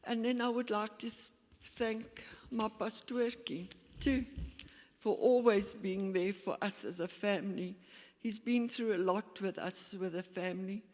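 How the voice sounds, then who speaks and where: A woman speaks very slowly at a memorial, her voice sitting in a middle register and breaking off into pauses. The long reverb of a hall surrounds her. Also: medium pitch, fairly even intonation, darkish tone. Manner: slow and emotional, with pauses. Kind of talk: memorial speech.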